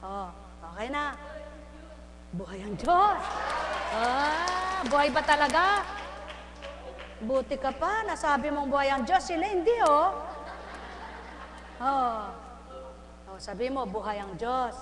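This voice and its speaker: A woman preacher giving a lively sermon, teasing her congregation and asking them questions again and again. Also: high-pitched, slow pace, long pauses. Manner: playful, teasing, asks the crowd questions over and over. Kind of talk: lively sermon with audience interaction. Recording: echoey hall with long reverb.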